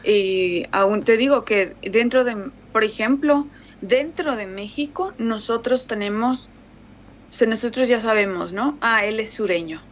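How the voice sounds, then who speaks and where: A talkative woman with a northern Mexican accent, chatting in a casual conversation. She speaks in an animated, storytelling way with lots of fillers. Faint background noise sits under her voice. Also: on the high side, a little slow. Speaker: guest.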